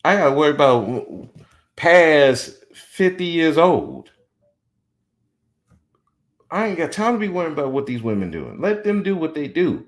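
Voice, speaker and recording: Speaking a little slowly with long pauses, a high-sounding man in his forties hosts a podcast. He gives blunt, opinionated, animated commentary, sometimes mocking the people he quotes.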